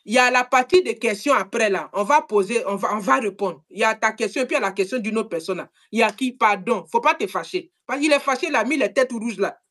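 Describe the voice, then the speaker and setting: A woman hosting a live stream, talking in an animated way, repeating herself and turning to speak to viewers directly. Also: fairly high pitch, fast talker, hardly any pauses. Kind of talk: casual live-stream chat.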